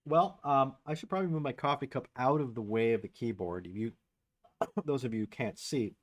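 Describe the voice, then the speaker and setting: A man hosting a casual livestream from his home studio, talking loosely with lots of fillers while a saxophone warms up. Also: mid-range voice, moderate pace. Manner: loose and rambling, many fillers. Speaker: livestream host and musician. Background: saxophone warming up.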